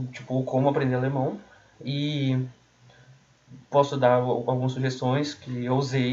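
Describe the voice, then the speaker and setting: A male language tutor with a Brazilian accent gives learning tips in an informal, colloquial talk, often circling back to repeat and rephrase himself. His voice is mid-range with a darkish tone, and the lo-fi recording sounds dull and muffled.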